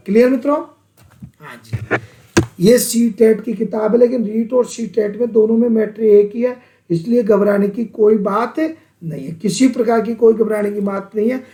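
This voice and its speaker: A man from India runs an exam-prep Sanskrit lesson in a notably high voice, quizzing his students over and over and supplying the answers himself. The sound carries a strong room echo. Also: a little mellow. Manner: drills students with repeated call-and-response questions. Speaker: Sanskrit teacher.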